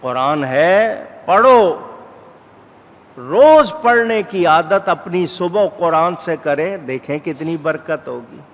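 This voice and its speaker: A man's voice: on the high side, animated, fairly bright tone. Man preaching in a reverberant hall. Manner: measured, rising to emphatic exhortation. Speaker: Islamic scholar. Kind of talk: sermon. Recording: hall reverb with faint background noise.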